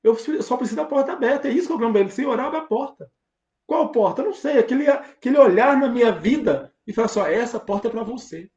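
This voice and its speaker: A man's voice: extremely high pitch, animated, quick pace, a little mellow. A man with a Brazilian Portuguese accent preaching a sermon as pastor, fervent and emphatic, with rhetorical questions. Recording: roomy, dull lo-fi sound.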